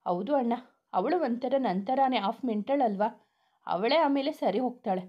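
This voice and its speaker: Cheeky playful little sister, bit high-pitched, a woman puts her on. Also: lively intonation, moderate pace, lo-fi sound. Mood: coaxing. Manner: playful and mischievous.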